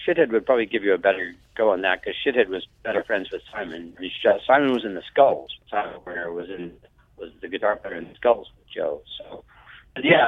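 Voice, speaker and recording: A man with a lowish voice comes through a thin, tinny phone line that keeps breaking up. He talks in an easygoing, halting way, with plenty of ums. The line is dry and close, with no room sound around it. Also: dry recording. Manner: relaxed and hesitant, with many fillers. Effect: bad phone connection, breaking up. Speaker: musician guest on the phone. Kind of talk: casual interview chat.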